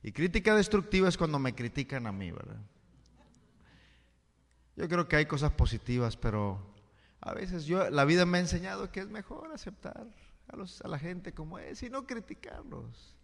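A man's voice: fairly high pitch, sing-song, moderate pace, vocal fry. A male pastor giving a conversational sermon, often checking in with the congregation through rhetorical questions. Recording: long hall reverb.

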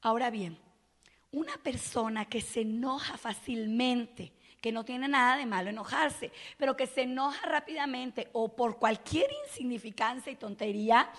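A woman's voice: fairly high pitch, moderate pace, in a large hall. A woman giving a sermon-style talk, telling stories and acting out the people in them. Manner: animated storytelling, acting out quoted people. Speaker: speaker at churches.

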